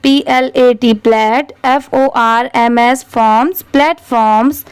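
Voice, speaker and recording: A woman's voice: a little high, fairly even intonation, slow pace, clean tone, no room sound. A woman teaching English reading, spelling each word out letter by letter and then saying it whole. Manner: spells words letter by letter, then repeats them. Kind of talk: slow spelling-out reading lesson.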